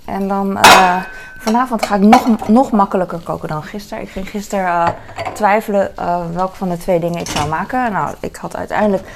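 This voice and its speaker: Chatty rambling woman, kitchen vlog, clinking dishes and cutlery behind, mid pitch. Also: fairly quick, gravelly, heavy background noise. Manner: chatty, rambling with many fillers. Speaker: vlogger. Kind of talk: casual vlog chat. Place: home kitchen. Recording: clattering dishes nearby.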